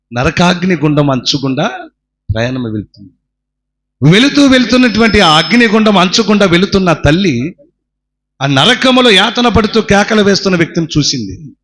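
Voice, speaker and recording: A man's voice: sits high, slight background noise. A man preaching a sermon, telling a story dramatically and crying out the pleas of its characters. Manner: dramatic storytelling, acting out voices and shouting pleas.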